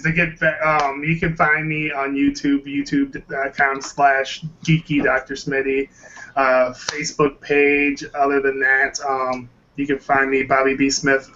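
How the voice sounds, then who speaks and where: Casting: excitable man with a bright, sharp voice, podcast co-host, faint noise behind. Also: medium pitch, a little slow. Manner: excitable, teasing. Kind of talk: casual podcast banter. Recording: dull lo-fi audio with faint noise.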